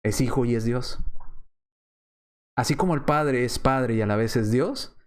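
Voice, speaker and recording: A man preacher giving an apologetics lesson, methodical, asking rhetorical questions and repeating his points slowly. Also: mid-range voice, smooth.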